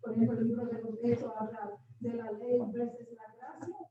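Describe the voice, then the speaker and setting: A woman's voice: a little high, little pitch movement, normal speed. A woman teaching a baptism class in an earnest, exhorting way, switching between Spanish and English, recorded from a distance with a dull sound. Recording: distant, roomy, dull sound with faint noise.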